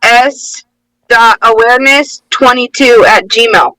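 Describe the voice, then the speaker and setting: Her voice is on the high side, slow, bright and forceful as she tells a personal story on a podcast. She rambles emotionally with fillers and restarts, acting out quotes, and the recording is rough.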